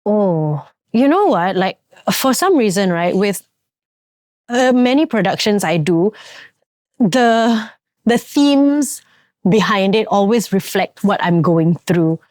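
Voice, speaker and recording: Woman, singaporean accent, young adult, reflective casual podcast talk, mid pitch, dry close mic. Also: expressive, slow, a little mellow, dry recording. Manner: reflective, frequent fillers and restarts. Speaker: podcast co-host and theatre actress.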